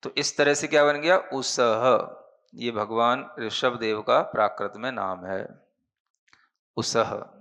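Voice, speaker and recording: A man leads a grammar lesson at an unhurried pace, his voice grainy with fry. He explains patiently and keeps checking that his listeners follow. The recording sounds muffled and lo-fi. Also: mid-range voice, fairly bright tone. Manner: slow, patient, checks understanding with "है ना?". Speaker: Jain monk teaching Prakrit.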